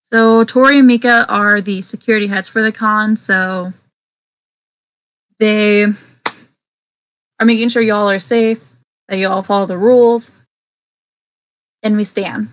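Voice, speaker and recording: A woman's voice: medium pitch, steady tone, slow, pauses often, fairly bright tone, dry recording, low-quality recording. A woman hosting an online convention opening over a video call, chatty and teasing as she introduces the staff. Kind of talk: casual online call chat.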